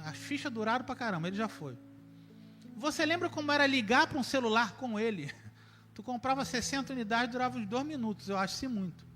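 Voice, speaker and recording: A man preaching a sermon, emphatic, moving between loud urging and quiet reflection. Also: sits high. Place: church sanctuary. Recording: church hall with long reverb and faint music.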